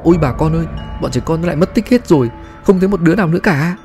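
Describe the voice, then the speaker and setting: Frantic wailing village woman in a storybook, put on by a man; high, loud, desperate. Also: lively intonation, very fast, soft background music, close to an everyday voice. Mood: panicked. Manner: wailing, crying out.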